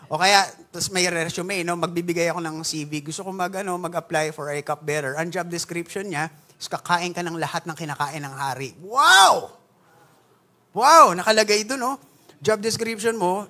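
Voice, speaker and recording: A young man with a Filipino accent delivers a conversational sermon. His voice sits high and sounds bright and forceful. He keeps it animated and playful, often asking the congregation questions. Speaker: pastor.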